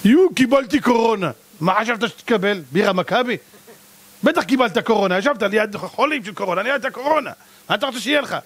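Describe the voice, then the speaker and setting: High-voiced rabbi firing rhetorical questions. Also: male voice, husky. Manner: animated, hammering rhetorical questions; blunt, scolding and mocking. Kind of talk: sermon to a live audience.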